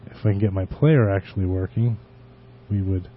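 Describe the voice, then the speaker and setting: A man hosting a show with casual, unscripted talk in a halting, rambling manner. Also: low voice, steady tone, slight background noise. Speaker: podcast host. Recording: dull lo-fi internet radio audio.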